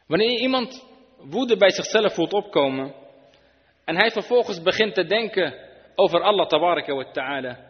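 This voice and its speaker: In dull, lo-fi audio drenched in long hall reverb, a man with a high voice preaches an Islamic sermon. He explains things earnestly and threads in Arabic phrases.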